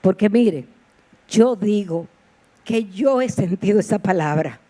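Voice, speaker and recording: A woman's voice: mid-range voice, expressive, measured pace, mellow. A woman preacher giving a sermon in a heartfelt, personal storytelling manner, with repeated exclamations. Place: church sanctuary.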